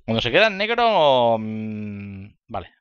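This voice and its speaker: A man's voice: on the low side, big pitch swings, measured pace, clean tone, dry recording, muffled recording. A man commenting casually on a video game, rambling and thinking aloud, laughing often. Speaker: let's play gamer. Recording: game music loud underneath. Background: game music.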